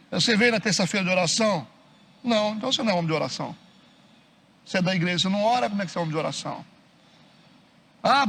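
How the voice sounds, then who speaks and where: Brazilian pastor guy, middle-aged, high husky voice, keeps going "né?" and mimics people. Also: sharp tone. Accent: Brazilian Portuguese. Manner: acts out quoted churchgoers in mocking voices; frequent tag questions to the congregation. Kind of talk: conversational sermon. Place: church hall.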